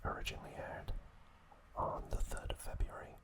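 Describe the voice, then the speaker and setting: A man hosting ASMR whispers a recap, hushed and unhurried, with deliberate pauses.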